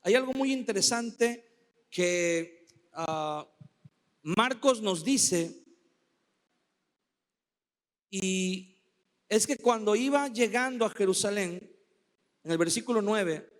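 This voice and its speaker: A man preaching a sermon as pastor, slow and emphatic, acting out desperate cries for help in his quotes. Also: high-pitched, animated, in a large hall. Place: church sanctuary.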